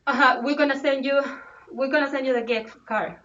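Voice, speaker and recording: A woman's voice: high-pitched, fairly even intonation, a little fast, fairly bright tone, slight background noise. A woman hosting a casual school live stream, talking informally and restarting phrases often. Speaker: school show host. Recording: dull and distant.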